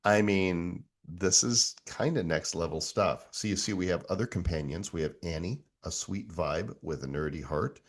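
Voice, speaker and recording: A middle-aged man with a very low voice hosts a tech show. He talks in a relaxed, conversational way, easily amused as he walks through a demo. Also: normal speed, few pauses. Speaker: show host. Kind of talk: casual tech walkthrough.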